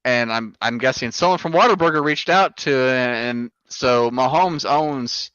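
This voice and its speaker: A man's voice: mid-range voice, measured pace, a bit bright, clean tone, dry recording. A man chatting casually with friends on a group call. His voice comes through a thin, tinny mic that sounds like a speakerphone or intercom. He rambles, with frequent restarts. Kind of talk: casual group chat over an online call.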